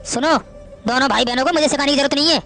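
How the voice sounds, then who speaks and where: Bossy rich son-in-law in a family drama, rapid and high-pitched, sneering at everyone. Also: female voice, a bit bright, soft background music. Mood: scornful. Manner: scornful, bossy. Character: arrogant rich male son-in-law, boastful. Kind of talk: Hindi family drama acting.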